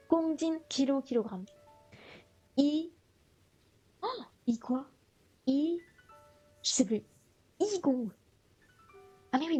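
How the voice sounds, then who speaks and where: A woman revising vocabulary on a live stream, talking slowly in a fairly high voice. She thinks out loud and keeps correcting herself as she goes. Faint music plays under her voice. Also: dull audio. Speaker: streamer studying Chinese vocabulary. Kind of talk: live-stream study session.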